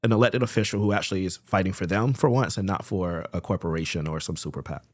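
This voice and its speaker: A young Florida man running for Congress answers interview questions earnestly, peppering his replies with frequent "um"s and "uh"s. His voice is low-pitched and a little mellow, and he talks fast. The recording is clean studio sound with no echo.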